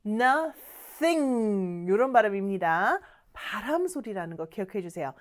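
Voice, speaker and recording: A woman's voice: fairly high pitch, sing-song, normal speed. A young woman teaching English to learners in an online lesson, coaxing and acting out little dialogues.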